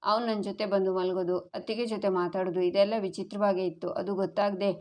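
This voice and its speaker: A woman's voice: medium pitch, little pitch movement, fast talker, darkish tone, close to an everyday voice. A woman voicing a hesitant, apologetic younger brother, in a read-aloud story recap.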